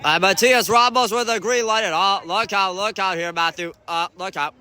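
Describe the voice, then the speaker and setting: A man giving excitable sideline commentary on a youth soccer match, groaning and shouting as plays unfold. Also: high voice, normal speed. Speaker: amateur commentator.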